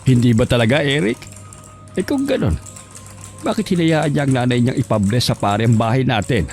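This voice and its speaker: A man's voice: medium pitch, expressive, normal speed, soft background music, lightly acted. A man playing a stern old ghost grandfather. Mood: scolding. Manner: scolding, accusing.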